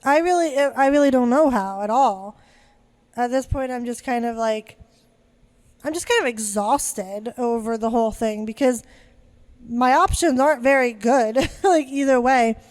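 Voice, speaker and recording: A young woman talks through a family frustration on a casual podcast. Her voice sits a little high, and she rambles with restarts, fillers and the odd swear word. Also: unhurried, a little mellow. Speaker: podcast co-host.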